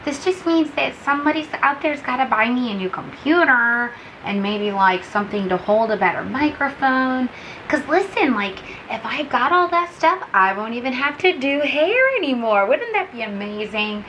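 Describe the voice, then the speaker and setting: A woman's voice: high voice, animated, moderate pace, fairly bright tone, a little hiss or hum. A woman hosting a podcast in a chatty, slangy way, heard on a poor-quality audio recording. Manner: chatty, slangy, says "dude" a lot. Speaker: podcast host. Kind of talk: casual podcast chat.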